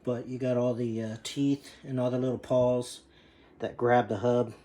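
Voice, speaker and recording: Speaking flatly and without hurry in a medium-pitched, dark voice, a mechanic shows how to fix a bike in a casual how-to video. He wanders through the explanation with many fillers, breathing hard as he leans over.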